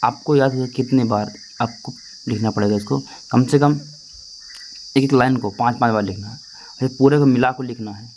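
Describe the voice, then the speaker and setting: A man's voice: mid-range voice, normal speed, a little mellow, a little hiss or hum, low-quality recording. A man teaching as a maths tutor, patiently explaining and chanting times tables in a sing-song rhythm while often checking in with his listeners. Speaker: math teacher. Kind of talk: classroom-style tutorial.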